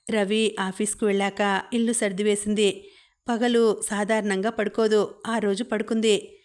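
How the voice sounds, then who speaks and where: Woman narrating a novel evenly. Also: mid-range voice. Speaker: audiobook narrator.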